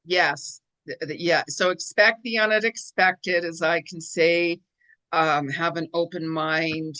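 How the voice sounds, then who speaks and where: Bubbly woman interview host, bright, chatty, "like"-heavy delivery. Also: lowish voice, steady tone, slow pace, clear, resonant tone. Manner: bubbly, laughs often, many "like"s. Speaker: show host. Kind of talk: casual interview.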